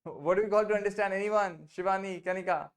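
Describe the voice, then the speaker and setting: Slow, patient teacher with an Indian accent. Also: mid-range voice. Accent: Indian English. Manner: patient, drills phrases by repeating them slowly; switches between English, Hindi and French. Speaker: French teacher. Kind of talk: online language class. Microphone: video call.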